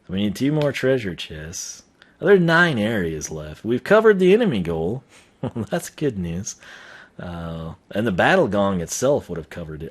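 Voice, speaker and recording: Animated, lower-voiced man streaming a game. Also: husky. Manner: rambling, slangy, thinks aloud. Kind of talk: casual live game commentary.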